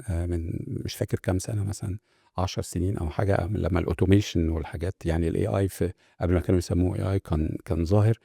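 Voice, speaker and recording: Deep, gravelly, fast-talking Egyptian man. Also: dark tone, dry recording, studio quality. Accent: Egyptian Arabic. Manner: explains with rhetorical questions and checks in with "right?". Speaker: podcast host. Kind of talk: motivational talk monologue.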